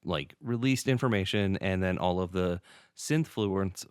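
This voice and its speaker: Deep-voiced podcast co-host, dry close sound. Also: male voice, measured pace, clear, resonant tone, dry recording. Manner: relaxed, rambling, laughs often. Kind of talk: casual chat.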